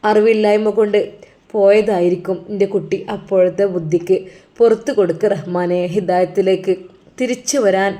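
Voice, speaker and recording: A woman's voice: medium pitch, steady tone, moderate pace, dark tone, close to an everyday voice. A woman voicing a grieving devout mother who pleads in prayer for her lost daughter. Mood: pleading.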